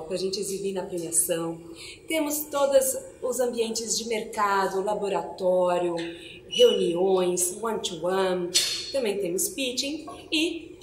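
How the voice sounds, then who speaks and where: A woman's voice: mid-range voice, darkish tone. A woman in her thirties with a Brazilian accent, explaining informally to camera as an event director. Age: 30s. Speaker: festival programming director. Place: indoor festival room. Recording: echoey room, faint noise.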